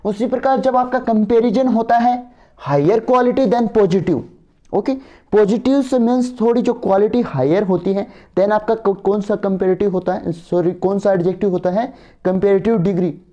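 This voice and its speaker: Male grammar tutor, dark mellow voice, keeps asking "right?". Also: sits high, fairly even intonation, normal speed, dull audio. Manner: asks students for agreement, repeats words. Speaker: teacher. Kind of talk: exam grammar lecture.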